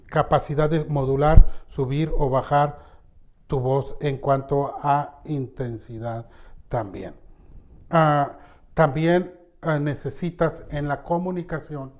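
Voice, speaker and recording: Man teaching public speaking. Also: fairly high pitch. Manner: didactic, addresses listener directly with examples; varies loudness for emphasis.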